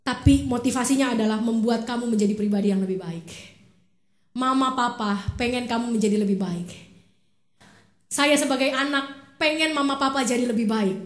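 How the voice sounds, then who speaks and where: A woman in her thirties, a pastor, preaching a sermon in a chatty, animated storytelling way. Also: a little high, normal speed. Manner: conversational, animated storytelling with laughs. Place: church hall. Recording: echoey church hall.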